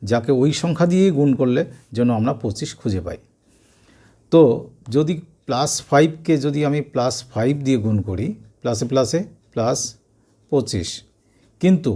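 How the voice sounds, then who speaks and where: A man's voice: medium pitch, mellow. A man teaching a maths lesson to school students, explaining step by step and repeating key points. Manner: slow, step-by-step explaining with repetitions.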